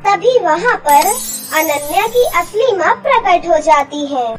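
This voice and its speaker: A woman narrating a children's cartoon story in a measured storybook manner. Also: extremely high pitch, animated, soft background music.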